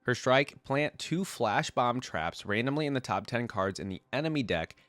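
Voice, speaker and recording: Congested from a cold, a man hosts a video of casual, informal reaction commentary, thinking aloud as he goes. His medium-pitched voice has lively intonation and a moderate pace, with no echo. Loud music from the videos he's watching plays in the background.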